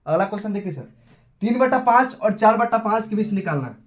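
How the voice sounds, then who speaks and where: A young man with a Bihari accent teaches maths in a casual Hindi live class, chatty and scolding, calling his students "beta." His voice sits high, with lively intonation and a fairly quick pace.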